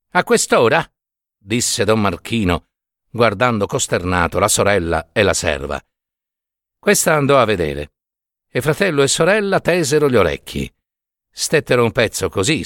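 A man reading a story aloud with expressive, dramatic phrasing and long pauses. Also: medium pitch, no room sound, clean studio sound. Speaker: narrator.

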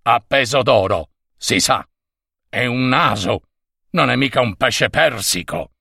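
A man's voice: mid-range voice, animated, takes it slowly, vocal fry, sharp tone, breathy edge, no room sound, studio quality, exaggerated voice. A man voicing a stubborn, shrewd lake fisherman who haggles matter-of-factly in a storybook.

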